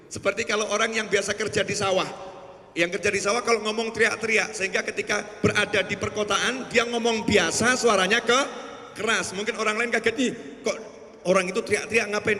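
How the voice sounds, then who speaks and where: A man preaching a sermon in a mosque, telling stories with lively voicing of the people in them. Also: high voice. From Indonesia. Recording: long reverb of a large hall.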